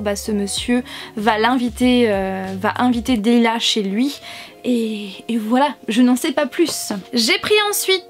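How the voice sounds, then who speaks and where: A woman with a high voice chats casually to her viewers. She talks loosely, often hesitating and restarting. Faint music plays quietly behind her. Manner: chatty, hesitant with many fillers. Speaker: book vlogger. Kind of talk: casual haul chat to camera.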